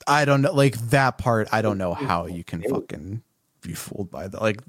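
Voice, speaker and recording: A relaxed man with a fairly low voice talks through a movie with a friend, swearing freely and laughing as he goes. The recording is dry and close. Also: moderate pace, no room sound. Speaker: podcast co-host. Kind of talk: casual film review chat.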